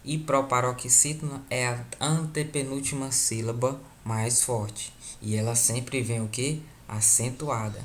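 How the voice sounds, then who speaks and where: A man's voice: medium pitch, fairly even intonation, unhurried, few pauses, a little hiss or hum. A man with a Brazilian Portuguese accent, a teacher patiently going over a school test, repeating key points and checking in with his students.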